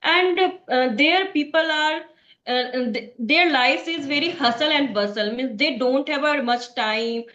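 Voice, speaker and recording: Indian woman from bihar, high voice, halting english with lots of uhs, roomy echo. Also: fairly bright tone. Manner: hesitant, many fillers and restarts. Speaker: English learner in conversation practice. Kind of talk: casual conversation practice. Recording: echoey, dull lo-fi sound.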